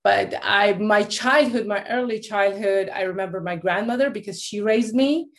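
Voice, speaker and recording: A woman in her late thirties, originally from Iran, appears as a guest and life coach to share her personal story. Her mid-range voice moves at a normal speed, and she restarts often and uses many fillers.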